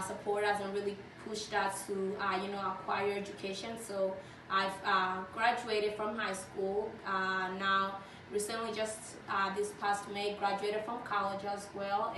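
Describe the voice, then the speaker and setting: A young woman in her twenties who grew up in Tanzania, giving earnest interview answers with many fillers. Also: mid-range voice. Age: 20s. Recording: echoey room, distant mic, noisy.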